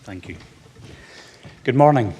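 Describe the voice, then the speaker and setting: A man with a Scottish accent giving a conference talk as a veterinary speaker, measured and often pausing on "um". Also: medium pitch, expressive, mellow, slight background noise. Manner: measured with frequent um fillers. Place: conference hall. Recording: long reverb in a hall.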